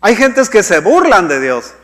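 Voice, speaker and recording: A man's voice: high-pitched, wildly swooping pitch, unhurried, a bit bright. A male pastor preaching a sermon in a conversational way. He often restarts his sentences and checks in with the congregation. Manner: conversational, many restarts and "¿sí?" checks, acts out quoted complaints. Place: church hall. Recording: church hall reverb.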